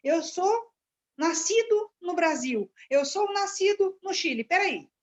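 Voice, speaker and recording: A woman giving a halting, searching commentary on a Bible passage in a study class. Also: extremely high pitch, expressive. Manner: searching, halting delivery with restarts. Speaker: class participant. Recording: dull lo-fi sound.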